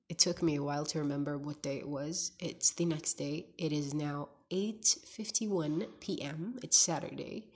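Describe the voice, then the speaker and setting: A woman's voice: low-pitched, darkish tone, husky. A young woman recording a personal audio diary on her phone at home, talking in a rambling, hesitant way with many restarts. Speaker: podcaster.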